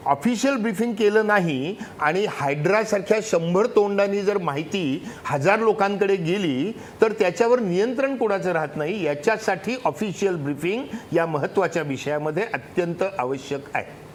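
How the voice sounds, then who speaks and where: High-voiced man, former cop, insistent. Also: slight background noise. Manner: measured, insistent, repeats himself when interrupted. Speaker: former police officer on a TV panel. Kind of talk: TV panel debate.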